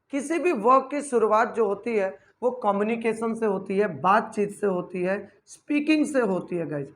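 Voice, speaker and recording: A man, an English teacher giving an online spoken-English lesson. He explains patiently, keeps addressing his students as "guys" and spells out example words letter by letter. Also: high voice.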